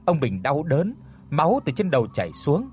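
A man narrating a horror audiobook in a dramatic, expressive storytelling voice. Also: on the high side, normal speed, faint music behind.

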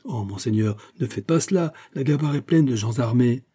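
A man's voice: medium pitch, moderate pace, mellow, breathy edge, natural voice. A man reading a classic novel aloud, voicing a loyal, anxious adviser who speaks in an urgent, pleading way.

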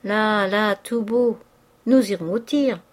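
A sardonic middle-aged man, voiced by a woman reading an audiobook, speaks in a raised, forceful tone with a mocking swagger. He sounds familiar and quietly menacing, a storybook rogue used to getting his way. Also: medium pitch, slow, close to an everyday voice.

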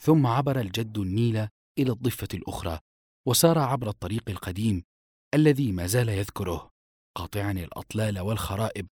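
A man narrating a novel as an audiobook in expressive storytelling style. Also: on the low side, fast talker, husky, dry recording, studio quality. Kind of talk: scripted narration.

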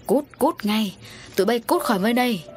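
A woman's voice: mid-range voice, brisk, soft background music, close to an everyday voice. A woman voicing a hot-tempered rich village man who blusters and questions his wife. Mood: furious.

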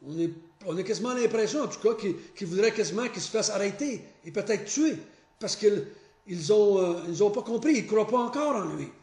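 A man leading a Bible study. He prays, reads scripture aloud and explains it earnestly, pausing often and restarting his phrases. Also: sits high, animated, a little mellow. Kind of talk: Bible study teaching with prayer and scripture reading. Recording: echoey room.

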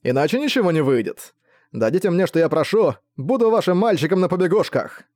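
Male reader playing a cocky flirty rogue, raised pitch, close dry audiobook read. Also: big pitch swings, brisk, a little mellow, no echo. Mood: teasing. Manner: smug, flirty, mocking. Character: cocky teasing male ex-villain.

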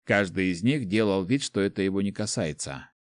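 A man narrating a first-person story as an audiobook, in an even, measured way. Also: sits low, no echo, clean studio sound.

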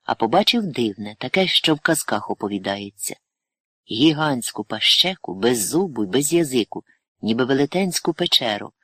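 A man narrating a literary novel in a measured, earnest reading voice, with pleading inner monologue. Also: mid-range voice, very animated, pushed and bright, no room sound. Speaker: audiobook narrator.

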